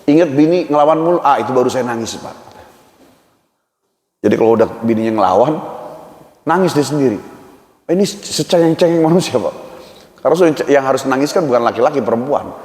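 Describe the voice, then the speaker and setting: A man's voice: a little high, expressive, fairly quick, pauses often, darkish tone. Preacher guy, jokey chatty sermon, big echoey hall. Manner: jokey and conversational, acts out dialogues. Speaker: ustaz preacher. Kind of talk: humorous mosque sermon. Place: mosque hall.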